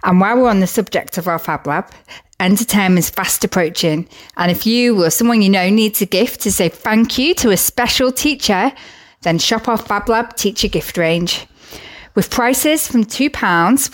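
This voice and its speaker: Woman presenter, upbeat and chatty, scripted community update. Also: mid-range voice. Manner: chatty and upbeat, with casual asides.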